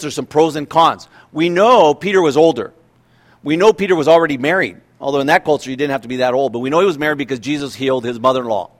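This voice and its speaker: A pastor in his fifties giving a conversational sermon, asking rhetorical questions and often restarting his sentences. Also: a little high. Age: 50s.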